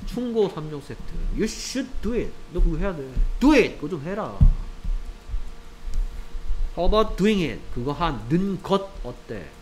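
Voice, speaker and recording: An English teacher runs a classroom grammar lesson, saying each phrase in English and then Korean and constantly firing off quick questions to make sure the class follows. His fairly high voice is very animated, with soft background music over a rough recording.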